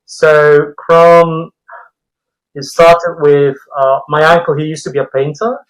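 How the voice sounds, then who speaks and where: A Colombian tattoo and comic artist, guesting on a podcast, talks through a mask in a slightly high, fairly even voice. He speaks slowly and tells casual anecdotes with small hedges, in a rough recording.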